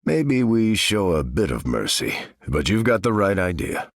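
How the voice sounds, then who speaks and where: Captain America, deep and earnest super-soldier. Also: male voice, very animated, a little slow, no echo, studio quality. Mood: steady, earnest. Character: noble, steadfast veteran male super-soldier leading his team. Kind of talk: video game character voice lines.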